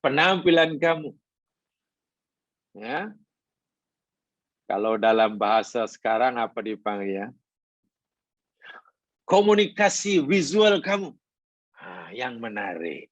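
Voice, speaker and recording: A man giving a hadith lesson as a religious teacher, in a measured, explanatory way with rising emphasis. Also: medium pitch, sing-song, dry recording, dull audio. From Malaysia.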